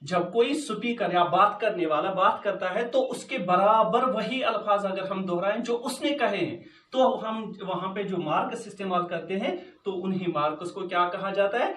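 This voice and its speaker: A man teaching a punctuation lesson, slowly repeating words as he switches between English and Hindi. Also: high-pitched, a bit bright, distant mic. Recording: echoey room, voice from off-mic.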